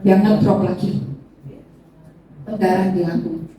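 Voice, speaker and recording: A woman's voice: steady tone, a little slow, mellow, slight background noise. A middle-aged woman giving an emotional testimony sermon, addressing her listeners directly. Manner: addresses listeners as "saudara", acts out tearful prayers in a high voice. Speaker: church testimony speaker. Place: church hall. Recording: echoey church hall, distant mic, faint ambience.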